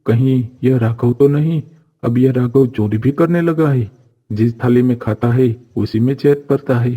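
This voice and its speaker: An actor playing a greedy, short-tempered village juice seller who scolds harshly, in a cartoon story. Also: male voice, mid-range voice, unhurried, dark tone, close to an everyday voice. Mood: angry. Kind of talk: Hindi cartoon voice acting.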